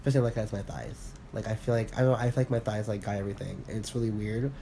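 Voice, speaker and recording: A man in casual podcast chat, rambling with many fillers and restarts, candid and quick to laugh. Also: on the low side, gravelly, dark tone, a little hiss or hum. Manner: laughs often, candid and profane. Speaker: podcast co-host.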